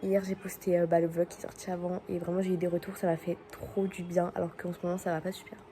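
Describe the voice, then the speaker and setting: A woman's voice: fairly low pitch, little pitch movement, fast talker, mellow. A young woman talking casually to her viewers as a vlogger. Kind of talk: casual vlog talk to viewers. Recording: background chatter and noise.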